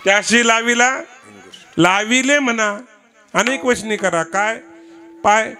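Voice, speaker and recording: High-voiced Marathwada preacher teasing a crowd. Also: male voice, slow, sharp tone, smooth. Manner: teasing, questioning the crowd, prodding women to answer. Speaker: kirtan preacher. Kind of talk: devotional kirtan sermon with audience questions. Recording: live event with instrument music behind. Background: musical instruments.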